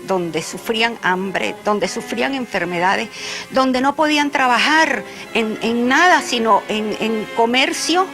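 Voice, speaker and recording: Older female interviewee; earnest, slightly high voice over a music bed. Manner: earnest, listing hardships. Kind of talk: documentary interview.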